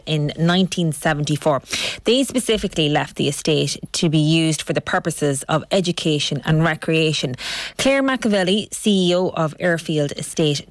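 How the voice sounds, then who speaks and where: A woman's voice: low-pitched, dry recording. Woman reporting a radio feature.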